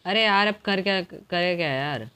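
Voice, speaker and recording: A man streaming a multiplayer game live, chatting casually and shouting at the other players. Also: high voice, moderate pace, smooth. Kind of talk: casual gaming livestream chat.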